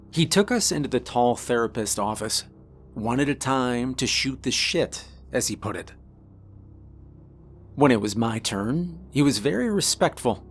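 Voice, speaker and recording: A man, a minister, narrating a scripted first-person story in a measured way. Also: mid-range voice.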